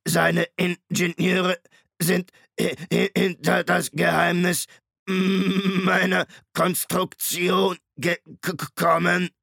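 A towering undead machine stalker, speaks in a high, stuttering, creaking drawl, each word dragged out slowly and pushed out loud, as if from a broken tape. The audiobook sound is dry, close and gravelly. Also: male voice, little pitch movement, dry recording, heavily acted. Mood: menacing. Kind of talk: audiobook reading.

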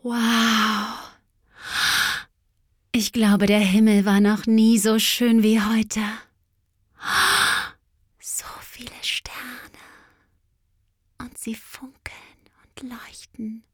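A young actress performing dramatic scenes with an emotional, theatrical delivery. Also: female voice, on the high side, little pitch movement, extremely slow, long pauses, breathy edge, no echo, clean studio sound. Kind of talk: acting showreel of dramatic scenes.

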